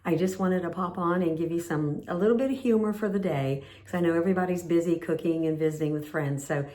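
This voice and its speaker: Older lady nurse vlogging, hoarse, low voice, rambly and chatty. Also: fast talker, mellow. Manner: chatty, meandering, with fillers. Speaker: nurse and channel host. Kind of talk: casual storytelling vlog.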